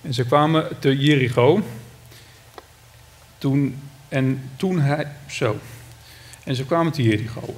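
A man with a Dutch accent preaching a sermon, reading scripture and retelling it with dramatic cries. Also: mid-range voice. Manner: dramatic, shouts out the beggar's cry.

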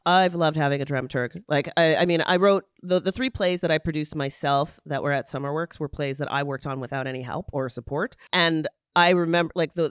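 Smooth-voiced man, earnest and emphatic. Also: on the high side, fairly bright tone, no echo, studio quality. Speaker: podcast host. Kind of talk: casual interview chat.

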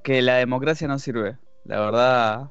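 A man's voice: medium pitch, fairly even intonation, unhurried, smooth, no room sound. A man with an Argentine accent, a guest on a casual podcast, talking in a laid-back, jokey way. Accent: Argentine Spanish. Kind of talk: casual chat. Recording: dull lo-fi dry audio, faint music.

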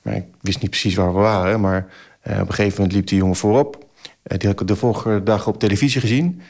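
A man in his forties, a podcast guest, telling a story in a casual, animated way, acting out his own past exclamations with plenty of filler sounds. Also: on the low side, quick pace.

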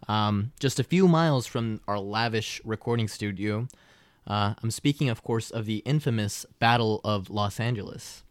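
A man's voice: lowish voice, normal speed, dry recording. A man with an American accent hosting a podcast, telling stories in wordy language with casual asides. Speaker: podcast host.

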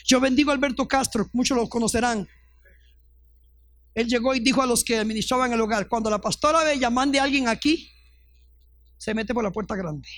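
A high-voiced, middle-aged woman pastor preaches her testimony with fervor. She acts out the people in her stories as she goes. The sound is dry and close. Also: a little fast, long pauses, no echo. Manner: fervent storytelling, acts out quoted voices. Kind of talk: testimony sermon.

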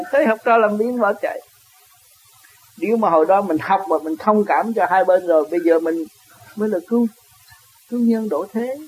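In a rough recording, a man with a Southern Vietnamese accent gives a dharma talk as a spiritual teacher, answering a question. He chuckles often and keeps posing rhetorical questions. His voice is high and husky, at normal speed with long pauses.

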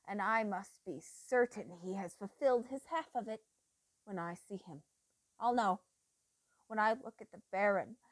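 A feverish, obsessive old doctor, as a woman reads him, speaking low and slow with a dry, close sound. His intense murmur breaks without warning into loud, heated bursts. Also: no echo, lightly acted.

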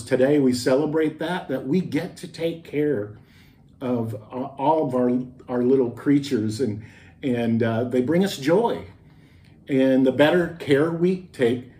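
A male pastor preaches in a loose, conversational way, wandering through personal stories and restarting his sentences. His voice is warm and mellow. The sound carries a roomy church echo. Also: medium pitch. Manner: chatty and anecdotal, with many restarts. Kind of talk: conversational sermon.

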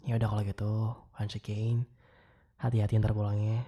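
A young man with an Indonesian accent playing a caring, wistful ex-boyfriend in a gentle, casual, intimate voicemail monologue, mixing in English. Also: on the low side, completely flat delivery, measured pace, slightly rough. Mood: reassuring. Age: young adult.

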